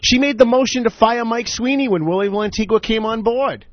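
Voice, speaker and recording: A man hosting a talk radio show, giving opinionated commentary with sarcastic, animated asides. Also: extremely high pitch, fairly quick, dry recording, lo-fi sound. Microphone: studio microphone.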